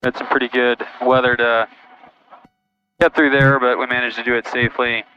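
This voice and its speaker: A man talking as a pilot, casually narrating a flight in a halting, matter-of-fact way. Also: medium pitch, level tone, bright, forceful tone. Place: small airplane cockpit in flight. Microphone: aviation headset. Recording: dull, noisy aircraft cockpit intercom. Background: engine noise, radio.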